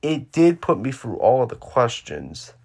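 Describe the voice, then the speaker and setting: A man's voice: mid-range voice, sing-song, a little slow, vocal fry, breathy edge. A man in his twenties hosting a solo podcast, rambling offhand with jokey asides. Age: 20s. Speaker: podcast host.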